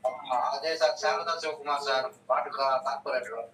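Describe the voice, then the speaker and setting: A man's voice: mid-range voice, fairly even intonation, bright, forceful tone, echoey room, recorded from a distance, faint music behind. A man phoning in to a call-in program to complain, polite and repeatedly addressing the official as sir. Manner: polite, keeps saying sir, quick complaint. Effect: phone-in caller heard over the line. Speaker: phone-in caller.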